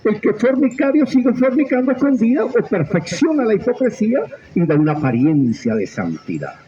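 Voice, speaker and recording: A man's voice: high-pitched, big pitch swings, brisk, mellow, dull audio. A middle-aged man preaching a sermon with fervent, swooping delivery that rises and drops sharply. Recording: faint background noise.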